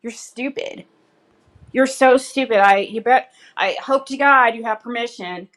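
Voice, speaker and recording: Higher-pitched woman, blunt casual livestream chat. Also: measured pace, a bit bright. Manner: blunt, gossipy, sweary. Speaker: livestreamer addressing viewers.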